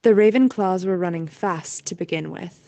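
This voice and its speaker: Narrating an audio play from a script, a woman speaks at a moderate pace in a somewhat low, mellow voice. She is recorded close and very dry, free of echo.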